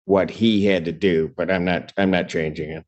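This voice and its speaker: A man speaking as a judge, heard on a courtroom recording, measured and deliberate. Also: low voice, steady tone, highs cut off.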